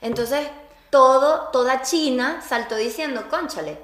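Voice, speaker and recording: A woman's voice: fairly high pitch, brisk, a bit bright. Venezuelan girl telling stories on a podcast, kinda echoey. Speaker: podcast co-host. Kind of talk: casual chat.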